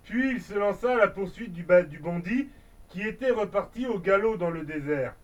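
Father reading a storybook to his kid at home; high voice, playful, heard from a distance. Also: expressive, moderate pace, dull audio. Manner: playful, adds sound effects and asides.

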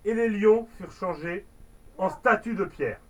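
Woman reading a fairy tale slowly. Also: medium pitch, distant mic, low-quality recording. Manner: playful, chatty asides. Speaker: storyteller.

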